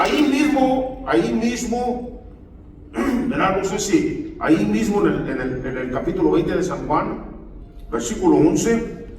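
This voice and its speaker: A man's voice: fairly high pitch, a little hiss or hum. Male pastor preaching in an echoey church. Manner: call-and-response preaching, often asking the congregation for amens. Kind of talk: sermon. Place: church hall. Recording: echoey hall, voice far from the mic.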